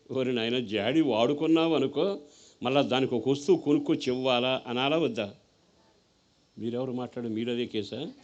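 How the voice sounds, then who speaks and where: A mid-pitched man with a Telugu accent preaches a sermon. He tells a parable, voicing its characters, and keeps asking his listeners questions. At times he climbs into loud exhortation. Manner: storytelling with voiced characters, questions to the audience.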